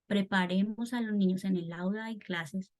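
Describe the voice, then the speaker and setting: A woman's voice: medium pitch, steady tone, normal speed, a little mellow. Emphatic woman training church teachers. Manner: emphatic, repeats key words, acts out quoted voices. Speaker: children's ministry teacher trainer.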